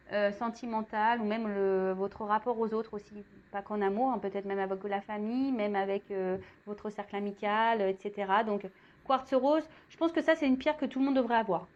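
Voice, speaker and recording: A woman's voice: on the high side, lo-fi sound. Chatty French-speaking woman reading tarot. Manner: chatty, many fillers, warm asides to viewers. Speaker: tarot reader. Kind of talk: casual spoken card reading.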